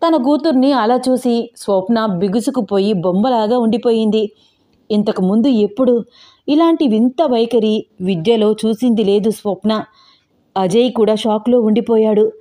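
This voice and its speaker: A woman narrating a dramatic audio story in a steady storytelling voice. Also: on the high side, normal speed.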